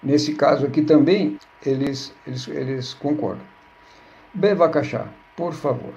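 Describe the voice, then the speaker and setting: A man with a gravelly, mellow voice patiently explains grammar, often repeating words and checking that listeners follow. The recording sounds dull and lo-fi. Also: fairly high pitch, unhurried. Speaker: Hebrew teacher.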